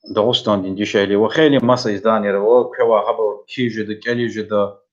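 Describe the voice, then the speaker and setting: A man's voice: on the low side, steady tone, brisk. A native Lezgian man from Dagestan hosting an online dictation, addressing the participants. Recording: dull, lo-fi online audio.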